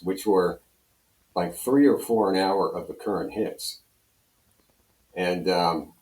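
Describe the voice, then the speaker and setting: A low, darkish voice belongs to an older Pennsylvania man telling casual stories on the radio as a guest. He rambles conversationally and acts out dialogue, and the recording has a roomy echo.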